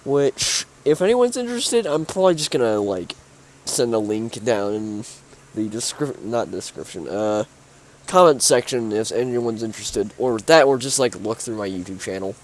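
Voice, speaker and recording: An expressive young man with a lowish voice talks at a normal speed. He's a gaming YouTuber walking through his own build in a video game, sleepy and yawning, his casual rambling full of fillers and restarts.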